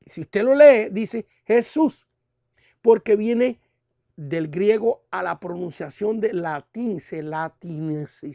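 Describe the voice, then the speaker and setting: A male pastor teaching a Bible seminar, asking rhetorical questions and swinging between loud and soft. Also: high-pitched, lively intonation, takes it slowly, gravelly, no echo, studio quality. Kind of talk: sermon.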